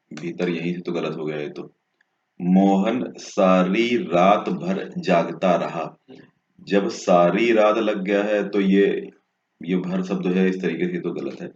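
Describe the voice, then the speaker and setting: A man tutors his way through exam questions step by step, speaking slowly in a low-pitched, slightly mellow voice and often checking in with a short "okay." The room sound is dull and echoey.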